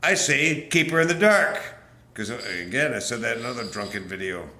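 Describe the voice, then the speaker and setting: A man's voice: mid-range voice, a little fast, pushed and bright, echoey room. A man ranting to camera in an angry, profane, rambling way, stumbling and restarting. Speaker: political vlogger. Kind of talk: casual rant to camera.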